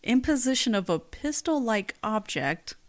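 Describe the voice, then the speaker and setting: A woman's voice: on the high side, big pitch swings, unhurried, a crowd in the background. A woman co-hosting a casual podcast, reading out case facts in a plain recap with dry, blunt asides. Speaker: podcast co-host.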